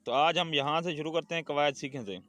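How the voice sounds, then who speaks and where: A man's voice: on the high side, fast talker, a bit bright, dry recording. A man with a Pakistani Urdu accent teaching a children's Urdu lesson, patiently repeating words and sentences for his pupils to say back. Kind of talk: classroom lesson with call-and-response drills.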